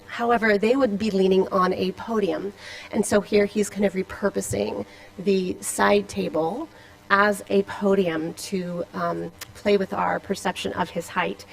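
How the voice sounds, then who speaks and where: Woman with a gravelly edge giving an academic talk. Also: mid-range voice, rough recording. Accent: Boston. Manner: scholarly, reading a paper with asides and fillers. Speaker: conference speaker. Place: lecture room with slides.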